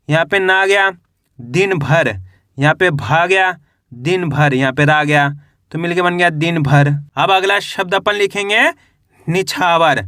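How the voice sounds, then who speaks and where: Male reading tutor, high and bright, patient and repetitive, syllable by syllable, dry close recording. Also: dry recording. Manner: slow, drawn-out syllables, repeats each word as a question and answer. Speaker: Hindi reading teacher. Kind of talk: step-by-step spelling lesson.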